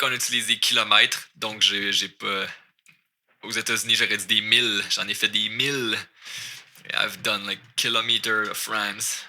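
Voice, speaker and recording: A man's voice: on the low side, sharp tone. A man with a Québécois accent teaching French, explaining lyrics line by line and switching between French and English. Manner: mixes French and English, repeats words slowly.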